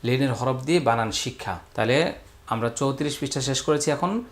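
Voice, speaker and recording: A man's voice: medium pitch, a little fast. A man teaching Arabic letter sounds as a Quran reading lesson, drawing out each syllable and repeating it twice, with patient, direct instructions to the viewer. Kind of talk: slow call-and-repeat Arabic letter drill.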